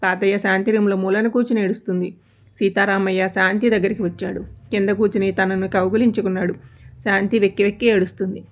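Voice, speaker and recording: A woman's voice: medium pitch, little pitch movement, fast talker. Woman narrating a family story.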